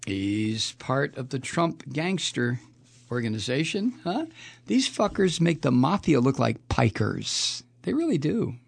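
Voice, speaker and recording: Gravelly sardonic male political commentator. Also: medium pitch, sing-song, measured pace, dry recording. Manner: sardonic, mocking, laughs often. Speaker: political talk show host.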